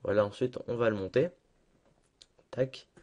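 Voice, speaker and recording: A young man talking through a casual screen-recorded software tutorial at his computer, chatty and self-deprecating, with lots of fillers. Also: mid-range voice, unhurried. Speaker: tutorial maker.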